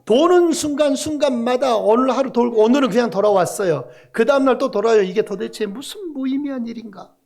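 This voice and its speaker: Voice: medium pitch, a little fast, creaky, hardly any pauses, a little mellow. A pastor preaching a Sunday sermon in a church, asking the congregation questions and joking with the children. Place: church sanctuary.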